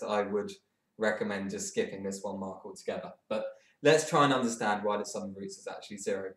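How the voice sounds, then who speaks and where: A man's voice: fairly low pitch, far from the mic. A man tutoring through an exam paper in a casual, thinking-aloud way, with frank asides. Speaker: maths tutor. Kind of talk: exam walkthrough lesson. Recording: echoey room, voice off-mic.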